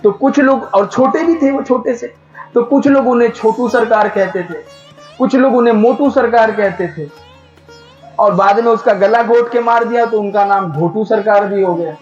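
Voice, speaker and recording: Indian male preacher, lo-fi with soft sitar. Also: high-pitched, normal speed, faint music behind. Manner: animated, addresses the audience with questions and exhortations. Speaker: katha preacher. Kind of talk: devotional storytelling sermon.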